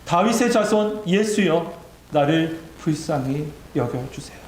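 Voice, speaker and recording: A man's voice: fairly high pitch, lively intonation, unhurried, a little mellow, roomy sound, slight background noise, poor audio. A male pastor voicing a desperate blind beggar who cries out for mercy, his voice raised and pleading. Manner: pleading, crying out.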